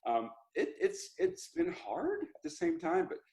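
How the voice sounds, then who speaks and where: A man, a country singer telling stories in an interview, animated and rambling with restarts and laughs. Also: high-pitched, measured pace, creaky, poor audio. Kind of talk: casual interview storytelling.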